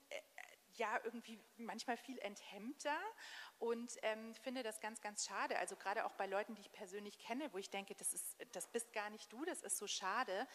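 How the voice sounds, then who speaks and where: A woman's voice: medium pitch, long reverb tail, a little hiss or hum. A young adult woman, a guest speaker on a café stage, talking earnestly into a handheld microphone with many fillers and restarts. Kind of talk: stage conversation. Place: café event stage before an audience.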